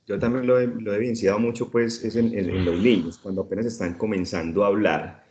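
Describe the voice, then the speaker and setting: A man's voice: fairly low pitch, fairly even intonation, quick pace, darkish tone, lo-fi sound. A man, a student, answering his teacher hesitantly in an online class. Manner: hesitant, restarts.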